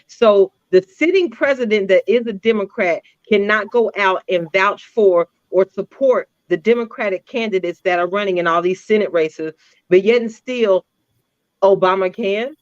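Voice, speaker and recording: A woman co-host talking politics in a measured, opinionated way. Her voice sits in a middle range. The audio is dry and a little dull, like an online call. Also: mid-range voice, no echo. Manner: deliberate, opinionated, builds arguments. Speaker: podcast co-host. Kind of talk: casual political discussion.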